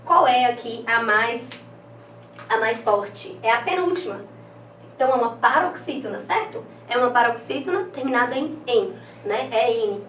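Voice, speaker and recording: A woman's voice: a little high, lively intonation, moderate pace, a bit bright, reverberant, recorded from a distance, slight background noise. A woman with a Brazilian Portuguese accent teaching an online exam-prep lesson. She talks in a chatty way, with many fillers, and ends her phrases with "né?".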